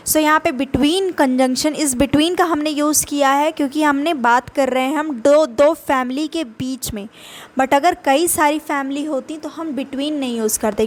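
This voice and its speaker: A young woman with a high voice and an Indian English accent runs a vocabulary lesson. She reads each example sentence slowly, then explains it quickly in Hindi.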